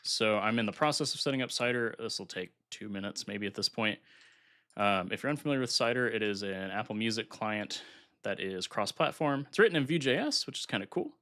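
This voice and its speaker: On a relaxed live stream, a man whose voice is on the low side speaks fairly quickly, thinking aloud as he sets up software at his computer. He's recovering from being sick, so he comes across a little nasal and slightly congested.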